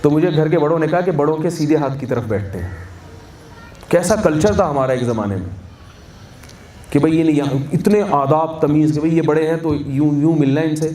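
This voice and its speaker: At a wedding reception in a big hall, a male Islamic scholar speaking with a Pakistani Urdu accent preaches, asking his listeners questions and then supplying the answers. His voice is mellow and fairly high. The sound echoes, the mic is far off, and a light hum runs underneath.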